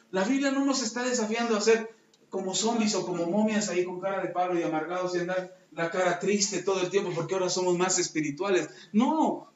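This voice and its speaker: A man preaching a sermon as pastor, lively and joking, speaking straight to his congregation. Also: high voice. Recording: echoey room, dull lo-fi sound.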